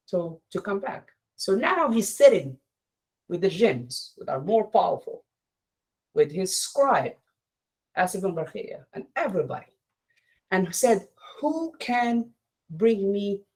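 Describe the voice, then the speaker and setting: A man giving an informal lecture over a video call. He retells a story haltingly, with many restarts. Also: sits high, husky, rough recording. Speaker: lodge presenter.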